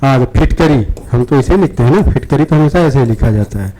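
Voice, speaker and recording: A man's voice: mid-range voice, expressive, brisk, mellow, low-quality recording. A man explaining practice questions to exam students, repeating words and often checking in with "theek hai". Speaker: exam-prep teacher.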